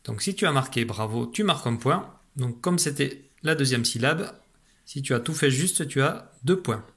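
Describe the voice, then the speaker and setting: A man teaching a remote lesson to young children, patient and slow, repeating syllables for a dictation. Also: mid-range voice, lively intonation, a bit bright, breathy edge. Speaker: primary school teacher.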